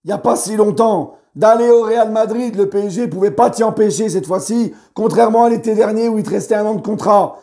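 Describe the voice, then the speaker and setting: A man with a hoarse voice giving a heated post-match debrief as a football fan, animated and swearing freely. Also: high voice, a little fast, few pauses. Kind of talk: post-match vlog rant.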